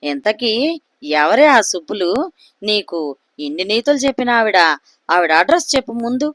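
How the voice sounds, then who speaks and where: A woman's voice: medium pitch, animated, moderate pace, a bit bright, no room sound, lightly acted. A woman reading the part of a grown husband who teases his wife with jokes, in a spoken family story. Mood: irritated. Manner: teasing, quipping. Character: grown man, teasing joking husband.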